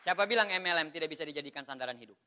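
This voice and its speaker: A man giving a lively, joking motivational talk, repeatedly addressing his audience as "Pak". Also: a little high, rapid-fire, some chatter behind, slight background noise. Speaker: MLM motivational speaker.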